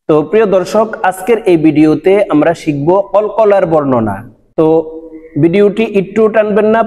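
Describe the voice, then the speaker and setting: Male tutor with a high voice, patient and repetitive drilling, reverberant recording. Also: warm tone. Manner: slow, drawn-out syllable drills, repeating each sound. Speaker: Quran recitation teacher.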